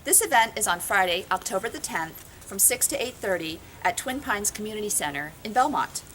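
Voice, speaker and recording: A woman's voice: mid-range voice, animated, fairly quick, a bit bright, a little hiss or hum. A woman co-chairing a school fundraiser, reading a scripted, upbeat announcement. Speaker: event co-chair.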